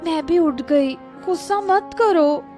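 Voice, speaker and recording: A woman's voice: very high-pitched, slow, darkish tone, soft background music. A woman playing a soothing young granddaughter. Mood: coaxing. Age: young adult. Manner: coaxing, placating.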